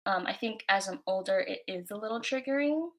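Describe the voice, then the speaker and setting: A young American woman from Florida, a guest in a casual interview, speaks a little fast in an animated, medium-pitched voice. Her talk is loose and chatty, peppered with "like" and "you know."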